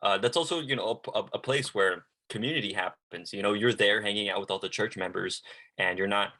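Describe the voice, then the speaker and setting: A man with a lowish, bright and forceful voice chats casually. He hedges with lots of "like" and "you know" and drops slang freely. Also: a little fast. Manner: loose, slangy, hedging with many fillers. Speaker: former church member, podcast guest. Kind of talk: casual podcast chat.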